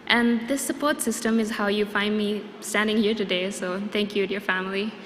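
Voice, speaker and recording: A young woman from Sri Lanka giving a formal graduation address, earnest and measured. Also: medium pitch. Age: young adult. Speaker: student graduation speaker. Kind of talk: formal prepared speech. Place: large convocation hall. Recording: long hall reverb, faint noise.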